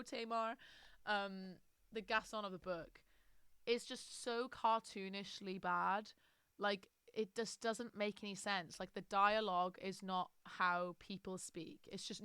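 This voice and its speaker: Casting: British woman streamer, rambling chatty book talk, smooth, dry close sound. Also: mid-range voice, a bit bright, no echo. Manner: rambling, chatty, filler-heavy. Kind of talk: casual book review chat.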